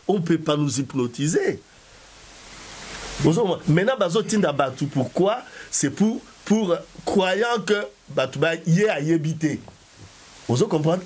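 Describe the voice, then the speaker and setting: A man giving emphatic, animated political commentary, often halting to find his words. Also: a little high. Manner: animated, emphatic, code-switching.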